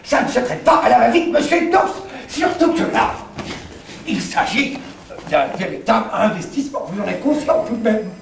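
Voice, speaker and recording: A man's voice: very high voice, big pitch swings, moderate pace, vocal fry, exaggerated voice. A man playing a haggling, blustering master in a theatrical stage comedy, arguing emphatically and repeating himself. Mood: haggling, insistent. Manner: emphatic, repetitive, argumentative. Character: haggling, blustering insomniac master posing as human Pollux. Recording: distant, echoey, faintly noisy stage recording.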